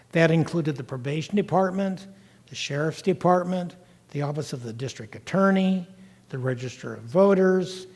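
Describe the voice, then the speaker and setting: A man's voice: fairly high pitch, a little mellow, breathy edge. Older man lecturing in a reverberant hall. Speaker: guest lecturer recounting time in county government. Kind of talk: public lecture, first-person account.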